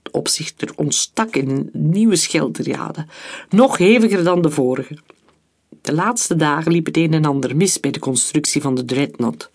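A narrator reading a historical story in a steady storytelling voice. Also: medium pitch, normal speed, slightly rough.

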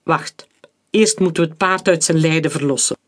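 A man voicing an earnest, stubborn young male soldier in an audiobook, with a husky voice. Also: a little high, normal speed, natural voice. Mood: insistent.

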